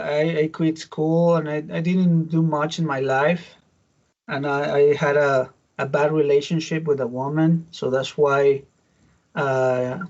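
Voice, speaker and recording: In a lo-fi recording, a middle-aged pastor from Mexico, whose first language is Spanish and who has a Mexican Spanish accent, tells his testimony as an interview guest. He stumbles and restarts frequently, his voice a little high with a darkish tone.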